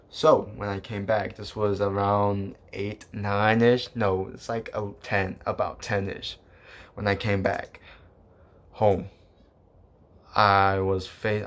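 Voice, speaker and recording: Young male vlogger, lower-pitched, loose rambling storyteller with lots of fillers. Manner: rambling, many fillers and restarts, casual swearing. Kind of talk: casual storytelling to camera.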